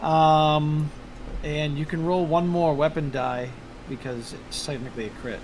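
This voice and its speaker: Male game master over clear background noise. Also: fairly high pitch, unhurried. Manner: thinks aloud while checking rules. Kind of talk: casual tabletop game narration. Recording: noisy room, steady background noise.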